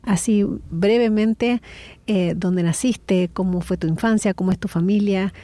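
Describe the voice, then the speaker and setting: A woman hosting a radio interview, speaking in a measured way with frequent fillers. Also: mid-range voice, mellow, no echo.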